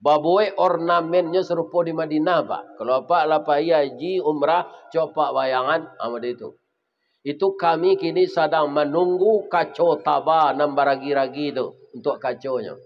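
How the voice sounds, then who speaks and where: Animated male preacher, Minangkabau accent, fairly high voice, dull lo-fi recording. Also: normal speed. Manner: animated, addressing the congregation with frequent rhetorical questions. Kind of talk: sermon. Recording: dull lo-fi sound.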